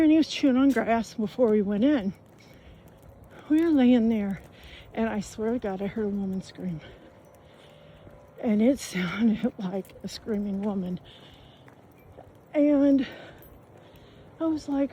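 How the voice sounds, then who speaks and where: A woman's voice: a little high, measured pace, long pauses, mellow, slight background noise. A woman telling a camping story while walking outdoors, out of breath, rambling and colloquial with lots of fillers. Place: outdoors on a riverside trail.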